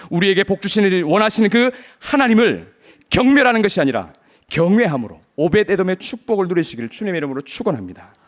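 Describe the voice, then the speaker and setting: A man preaching a Sunday sermon in a notably high voice. He speaks earnestly to his congregation, posing searching rhetorical questions as he pleads with them. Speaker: pastor.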